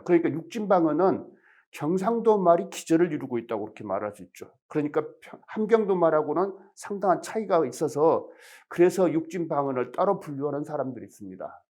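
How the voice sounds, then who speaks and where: A middle-aged male professor from Korea's Jeolla region delivers a recorded lecture in a fairly high voice with a darkish tone. His intonation rises and falls freely as he explains things step by step and poses questions to his audience.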